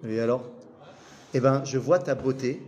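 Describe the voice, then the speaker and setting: A man's voice: mid-range voice, steady tone, normal speed, a little mellow, long reverb tail, muffled recording. A man giving a casual study lesson, reading old texts aloud and retelling them in chatty, joking speech. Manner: reads Aramaic, then retells it in chatty, joking French. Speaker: teacher.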